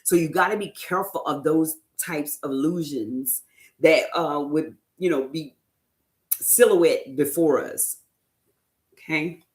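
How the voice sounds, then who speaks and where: This inspirational speaker is a woman with a low, slightly mellow voice who talks slowly. She delivers an informal faith talk in an emphatic, conversational style, often dropping in "you know," and the room gives the audio a noticeable echo.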